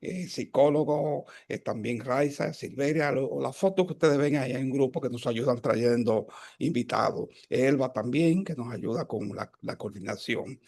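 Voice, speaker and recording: A man's voice: mid-range voice, moderate pace, vocal fry, few pauses, a little mellow. A man hosting a health program over a video call, making long announcements with many fillers and self-corrections. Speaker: host.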